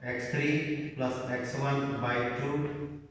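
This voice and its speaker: A man teaching a maths lesson in Indian English, talking his way slowly through each step as he works it out on the board. His voice comes from a distance and rings with a long, hollow echo. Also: mid-range voice, level tone, a bit bright. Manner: spells out each coordinate and step aloud while writing. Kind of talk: slow board-work lesson, dictating steps. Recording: echoey room, voice from a distance.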